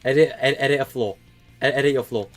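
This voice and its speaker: A fast-talking eighteen-year-old man with a medium-pitched voice streams a game live over soft background music. He casually answers viewers, rambling with frequent fillers and stutters.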